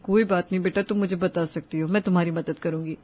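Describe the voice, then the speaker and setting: A woman playing a motherly neighbor, cartoon, gentle, reassuring, fairly high voice, dull recording. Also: lively intonation, normal speed. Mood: comforting. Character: kindly middle-aged female neighbor, motherly.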